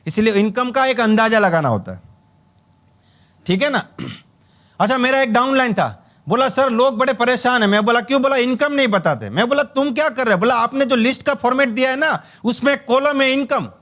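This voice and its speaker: A network marketing trainer with an extremely high, slightly bright voice gives a motivational sales training talk. He tells anecdotes, acts out dialogue and throws in jokes.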